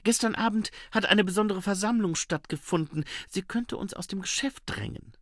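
A man voicing a practical, steady old male dwarf printer in an audiobook. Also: high voice, normal speed, no room sound, clean studio sound, pitched above the performer's own voice. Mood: worried.

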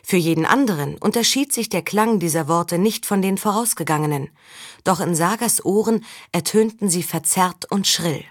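A woman reading a historical novel aloud in calm, even storytelling. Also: on the low side, normal speed, dry recording, studio quality. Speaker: audiobook reader. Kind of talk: scripted narration.

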